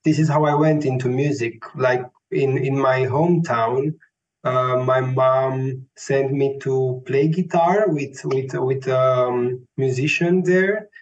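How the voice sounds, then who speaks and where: In Vienna, a Romanian-accented man who sings as a classical tenor answers interview questions reflectively as a guest. He talks slowly and thoughtfully in a mid-range voice, often searching for the right words. Faint music can be heard through the dull, lo-fi sound.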